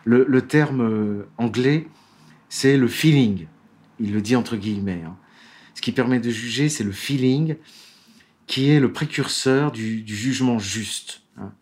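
A man's voice: medium pitch, normal speed, husky. A man giving a law lecture in French, reading quotations aloud and talking with many fillers and restarts. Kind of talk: lecture with read-out quotes.

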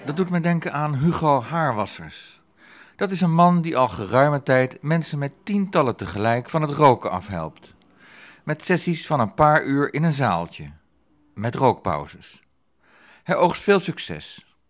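A man's voice: a little high, sing-song. A man hosting, asking probing questions and introducing clips. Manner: probing, measured. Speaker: host. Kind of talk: interviewing and presenting.

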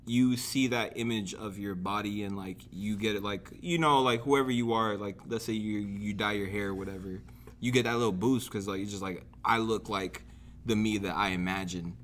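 A man's voice: fairly low pitch, steady tone, moderate pace, a bit bright, slight background noise. A young man co-hosting a podcast in casual chat, rambling and full of filler words and slang. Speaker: podcast co-host.

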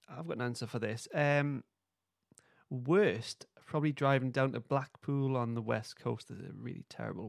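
With a gravelly, mid-range voice, a man co-hosts a podcast in a casual, loosely structured chat. It's recorded in clean studio sound with no echo.

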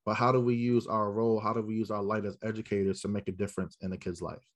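Speaking fast in a fairly low, level voice, an American educator from South Central Los Angeles guests on a podcast before a live audience. He tells stories emphatically and asks his listeners rhetorical questions directly.

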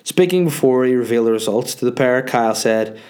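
A male podcast host with a snuffly, cold-affected voice at a middling pitch. He talks off the cuff in a blunt, rambling way, swearing freely as he works through listener questions. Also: animated, a little fast, darkish tone. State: sniffly with a head cold. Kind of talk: casual solo chat answering listener questions.

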